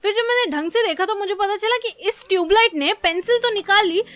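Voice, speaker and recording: A young woman narrating funny childhood mishaps in a sarcastic, self-mocking, expressive way for an animated video. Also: very high-pitched, a little fast, noisy background. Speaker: animated storyteller. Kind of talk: comedic storytelling narration.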